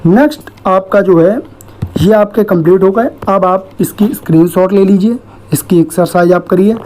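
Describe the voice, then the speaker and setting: A woman's voice: medium pitch, moderate pace, mellow. A woman teaching shorthand in an online lesson, explaining each stroke step by step and often checking in with "ठीक है".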